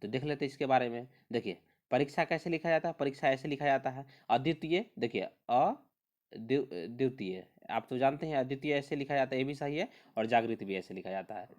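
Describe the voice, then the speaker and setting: A man's voice: medium pitch, fast, dull audio. A man teaching an exam prep lesson, drilling correct spellings over and over and telling students to remember them. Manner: calls on listeners to remember.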